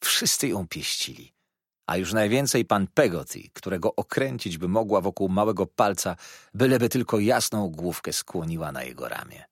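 Male narrator, low husky voice, lively intonation, dry close recording; classic first-person audiobook read. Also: dry recording. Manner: expressive, measured reading.

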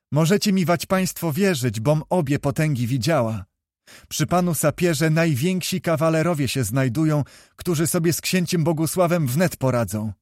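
A man voicing a lively, chatty young noblewoman in a read storybook, talking quickly like a chirping bird. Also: on the high side, no room sound, clean studio sound, close to an everyday voice.

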